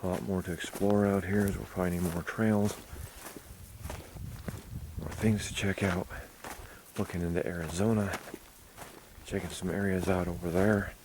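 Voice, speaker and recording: A man casually narrating an outdoor hiking vlog to his viewers on a windy high ridge, recorded on a handheld camera with wind noise. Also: steady tone, a little slow, long pauses. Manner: informal, addressing viewers as "guys". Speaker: hiking vlogger.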